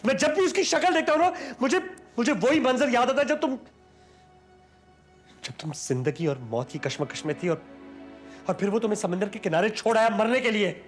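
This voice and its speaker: An actor playing a young husband who is protective and quick-tempered but tender, talking earnestly in a TV drama. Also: male voice, high-pitched, faint music behind, lightly acted. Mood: tense, worried. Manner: earnest, swings between urgent worry and teasing. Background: drama background score.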